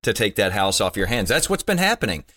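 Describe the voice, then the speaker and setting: A man's voice: on the low side, fast. A man hosting a casual talk podcast over a video call, talking easily with lots of "uh" and "you know.". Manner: relaxed, filler-heavy, upbeat. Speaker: podcast co-host. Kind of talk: casual chat.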